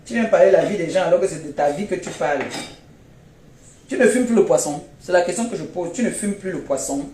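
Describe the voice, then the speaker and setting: A woman's voice: lowish voice, a little fast, dark tone, roomy sound, a little hiss or hum. A woman with a Cameroonian French accent, feeling unwell, scolding and mocking someone in repetitive jabs during a phone live stream. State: unwell, tired.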